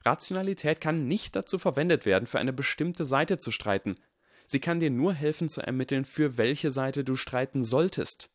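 A man voicing a calm, earnest boy wizard. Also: mid-range voice, dry recording, studio quality, voice pushed up, natural voice. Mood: earnest lecturing. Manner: calm, measured, persuasive.

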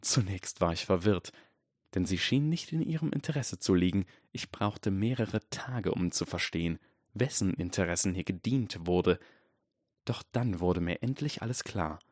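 A man's voice: deep voice, animated, darkish tone, no room sound, clean studio sound. Lucius Malfoy, a silky cold aristocrat, read by a man. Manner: icy, measured and menacing.

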